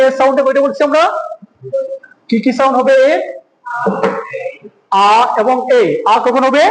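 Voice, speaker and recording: A man with a very high voice teaches an English pronunciation lesson, his first language Bengali. He quizzes the class again and again and repeats each point to drill it. His voice rings around an echoey room. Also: slight background noise. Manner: keeps asking the class questions.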